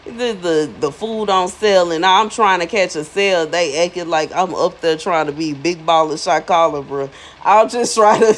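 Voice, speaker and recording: A woman's voice: on the low side, normal speed, rough recording. Chatty woman in her thirties. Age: 30s. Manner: chatty, slangy, emphatic repetition. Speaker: spiritual influencer. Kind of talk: casual monologue.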